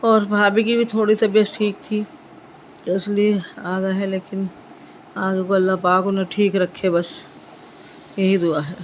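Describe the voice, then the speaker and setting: A woman's voice: mid-range voice, level tone, a little slow, pauses often, slight background noise, low-quality recording. A middle-aged woman, chatting casually to her vlog viewers and often thanking God. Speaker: vlogger. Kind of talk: casual vlog chat to camera.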